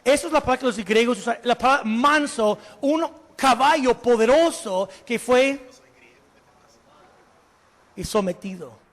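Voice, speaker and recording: A male pastor preaching a sermon, animated, asking the congregation questions and slipping in English words. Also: very high-pitched, unhurried, long pauses. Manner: slips English words into Spanish. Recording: long hall reverb.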